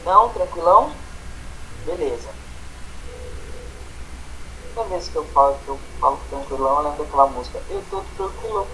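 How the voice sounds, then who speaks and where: A Brazilian-accented male teacher talks through a grammar class in a patient, explanatory way. He keeps tagging his points with quick checks to his students. The room has a faint hiss behind him. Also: on the high side, pushed and bright, poor audio. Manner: explanatory, tags phrases with "né?" and "tá?". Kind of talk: online grammar lesson.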